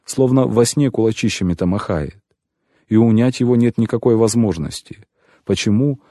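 A man's voice: lowish voice, moderate pace, mellow, no room sound, studio quality, pitched above the performer's own voice, lightly acted. A man voicing a self-pitying grown shoemaker who pleads and laments at length, in an audiobook reading. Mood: pleading.

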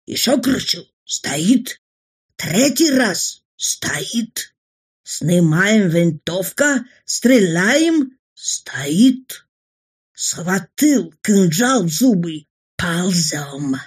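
Woman reader doing a cocky jolly mountain guy, broken speech, kinda husky. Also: on the low side, expressive, extremely slow, exaggerated voice. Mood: swaggering. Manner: broken speech, bold and jovial. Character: boisterous adult male mountaineer, barber, fearless.

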